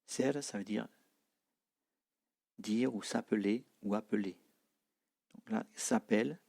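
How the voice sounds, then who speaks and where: A man teaching a language lesson, explaining slowly with many hesitations and repeating example phrases. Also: fairly low pitch, creaky, darkish tone.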